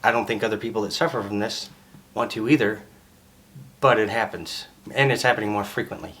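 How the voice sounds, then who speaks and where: A frank, dry-witted man in his fifties chats casually for a home vlog. He keeps his sentences short and plain, stating hard things bluntly and slipping in deadpan jokes. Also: lowish voice, a little fast.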